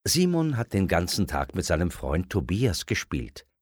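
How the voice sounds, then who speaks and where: A man reading a children's story aloud in an expressive storyteller style. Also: sits low, normal speed, no echo, studio quality. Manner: expressive, acts out voices.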